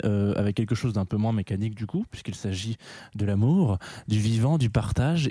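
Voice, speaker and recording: A man's voice: medium pitch, dark tone, dry recording. A young man hosting a live radio show in a studio, chatting casually in a rambling way with many fillers and restarts, and laughing at himself. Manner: self-mocking, laughing at himself.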